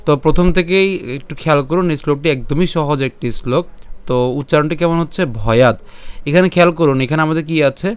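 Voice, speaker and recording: A man's voice: fairly high pitch, smooth, dry recording. Patient male teacher drilling pronunciation. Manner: patient, repeats syllables slowly and checks "okay?" often. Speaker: scripture recitation teacher. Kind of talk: online pronunciation lesson.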